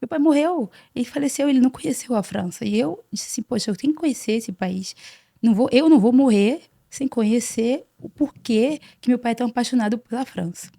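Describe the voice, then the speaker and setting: This is a gravelly, fry-tinged Brazilian woman in her forties, a podcast guest who recounts her life in an earnest, animated way. Her voice is dark and mellow, and she keeps repeating words as she talks. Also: a little high, a little fast. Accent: Brazilian Portuguese. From Brazil (Salvador, Bahia). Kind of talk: casual interview storytelling.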